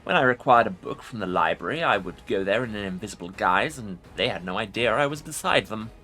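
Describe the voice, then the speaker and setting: A man's voice: on the low side, expressive, a little fast, sharp tone, faint music behind. A man voicing an ancient undead lich from a fantasy game, arrogant and imperious, with pompous formal speech. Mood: arrogant, dismissive. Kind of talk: dramatic video game role-play reading.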